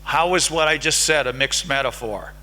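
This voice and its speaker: A man's voice: a little high, moderate pace, pushed and bright, low-quality recording. A man with an American accent giving an academic lecture at a conference, engaging the audience by putting questions to them. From United States. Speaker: conference speaker. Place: lecture hall.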